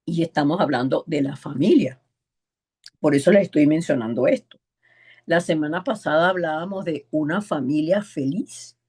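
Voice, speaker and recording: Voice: mid-range voice, moderate pace, darkish tone, husky. A preacher teaching an evangelism class in a sermon style, stressing points by repeating words and acting out the voices in a story.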